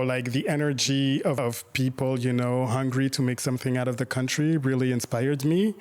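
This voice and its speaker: A medium-pitched man, a makeup artist and photographer from Rwanda who grew up in Belgium, is the guest in a casual interview. He speaks reflectively, with many fillers and restarts.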